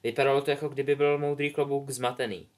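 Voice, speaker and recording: A man narrating a story in a calm, measured reading voice. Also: mid-range voice. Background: soft music.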